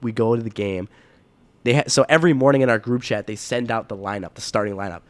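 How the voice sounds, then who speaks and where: Young man spinning animated stories. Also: fairly low pitch, fast, no room sound. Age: young adult. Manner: animated, acts out others' voices, laughs often. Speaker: podcast guest. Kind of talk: casual storytelling chat. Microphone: podcast mic.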